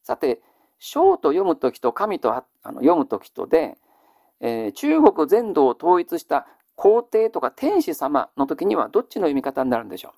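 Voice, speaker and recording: A man leads a classical reading lesson and patiently quizzes his listeners, then repeats each answer. His voice is gravelly and his pitch moves a lot. The sound is close and dry. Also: sing-song, darkish tone, no echo. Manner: polite, measured lecturing with frequent fillers. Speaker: teacher.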